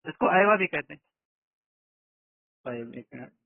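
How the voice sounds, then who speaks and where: An Arabic teacher with a slightly high, expressive, creaky voice gives an online language lesson. He explains step by step and keeps checking that students understand, and the call audio is tinny and dry.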